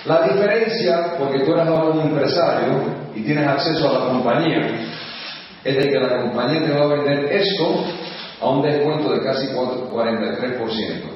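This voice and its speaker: A man's voice: fairly high pitch, normal speed, slight background noise. Emphatic older man in an echoey hall. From United States. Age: 60s. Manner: emphatic, coaxing, keeps saying "look". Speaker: business opportunity speaker. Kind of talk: sales seminar talk. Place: large hall. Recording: echoey hall, dull sound, from far off.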